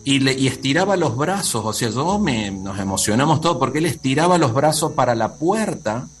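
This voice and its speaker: A man's voice: mid-range voice, animated, fairly quick. A man hosting a conversation, earnestly telling a personal family story on a video call. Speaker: host. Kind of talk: casual chat.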